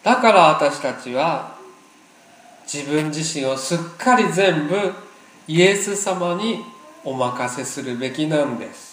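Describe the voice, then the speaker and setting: A man's voice: on the high side, lively intonation, slow pace, a bit bright, a little hiss or hum. A man preaching a sermon as pastor, earnest and emphatic, repeating phrases for weight. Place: church hall. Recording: roomy echo.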